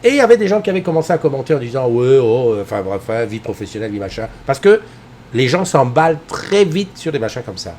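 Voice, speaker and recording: Rambling, animated middle-aged man. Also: medium pitch, fast talker, slight background noise. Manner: animated and rambling, full of restarts and fillers, addresses viewers by name. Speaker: host of a live morning show. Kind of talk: casual live-stream chat. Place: indoors at home, with a TV behind him.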